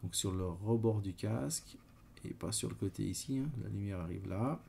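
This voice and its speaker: A man's voice: on the low side, normal speed, gravelly, warm tone, a little hiss or hum. A man with a Swiss French accent explaining photo retouching step by step, hesitant and full of fillers as he works. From Switzerland. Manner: hesitant, many fillers, talks while working. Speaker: photo editing tutor. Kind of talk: screen-recorded software tutorial.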